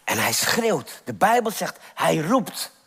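Slow dramatic male preacher in echoing hall. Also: a little high, very animated, fairly bright tone, husky. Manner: dramatic, emphatic repetition. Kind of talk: sermon. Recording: reverberant church hall.

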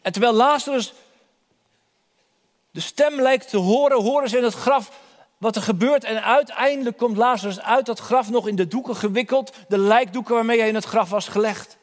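A male preacher with a high voice tells a Bible story in a church hall, and his voice rings out in a long reverb. He speaks with urgency and calls the listeners to come forward. He often repeats words as he searches for the next phrase. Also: normal speed. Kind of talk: sermon.

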